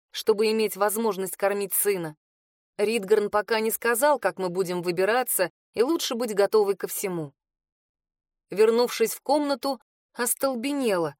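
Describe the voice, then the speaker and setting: A woman's voice: medium pitch, no room sound, studio quality. A woman reading a first-person fantasy audiobook in an emotive, intimate storytelling manner. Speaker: audiobook reader.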